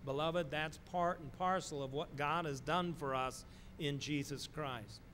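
A middle-aged man preaching a sermon in a slow, deliberate way, pausing often and stressing key words. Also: fairly high pitch, fairly bright tone, a little hiss or hum. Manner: slow, deliberate delivery with pauses and emphatic stresses. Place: church sanctuary, speaking from a wooden pulpit.

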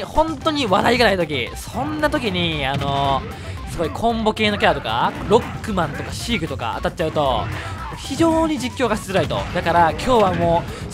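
A man with a Kansai Japanese accent commentating his own fighting game matches, excitable and quick to shout and laugh at big plays. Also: high-pitched. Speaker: gameplay commentator. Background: background music.

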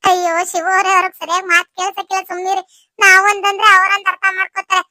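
A woman plays a shy young bride from a village in a cartoon, polite and hushed, with a North Karnataka Kannada accent. Her voice is very high and flat, with a hard, bright edge, and the recording is dry. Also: fast, no room sound, full character voice.

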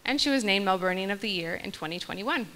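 On a big hall stage, a young woman talks fast into a handheld microphone, her medium-pitched voice lively and a bit bright. She's moderating a panel, reading out guest introductions and chuckling off her minor mistakes. The recording is rough.

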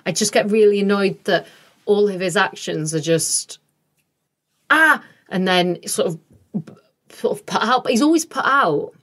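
A woman co-hosting a podcast in casual, expressive chat. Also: mid-range voice, normal speed. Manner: expressive, chatty, lots of fillers. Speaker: podcast co-host.

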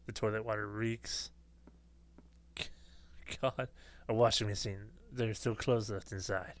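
A man's voice: on the low side, steady tone, slow pace. Gamer, man: casual playthrough commentary, reads game text aloud, easygoing.

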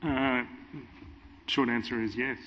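A man in his thirties answering on a panel with measured, qualified advice. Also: medium pitch, steady tone, a little hiss or hum. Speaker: panelist giving legal advice. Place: large conference hall stage. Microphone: table mic. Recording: dull sound with hall reverb.

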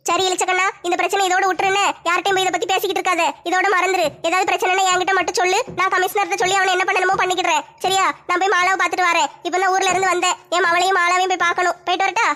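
A woman's voice: very high voice, flat delivery, very fast, hardly any pauses, sharp tone. A woman playing a bold, teasing woman who threatens a drunk in a comedy skit. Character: bold, tough older sister-figure woman.

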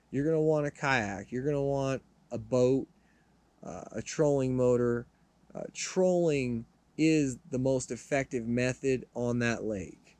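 A Californian man talks through fishing tips at an unhurried pace, stretching his words out. His voice sits at an ordinary middle pitch, and he rambles, circling back with fillers and restarts as he goes. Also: darkish tone. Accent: Californian English. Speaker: fishing channel host. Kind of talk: casual spoken fishing tips.

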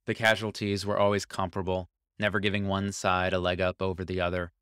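A man reading a short science fiction story aloud as narrator, calm and even, on a close mic. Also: low-pitched, fairly quick, clean tone, no echo. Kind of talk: scripted narration.

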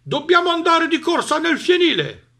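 A barking, alarmed farm dog. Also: male voice, very high voice, big pitch swings, moderate pace, creaky, voice pushed up, heavily acted. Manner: barks "ruh ruh" and shouts in alarm. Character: excitable barking farm dog, male, loyal guard.

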